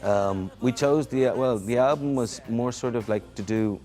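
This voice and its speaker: A man from Ireland with a Dublin accent, a musician answering interview questions in a relaxed, rambling way. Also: medium pitch, moderate pace, faint music behind. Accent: Irish, Dublin. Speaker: musician guest.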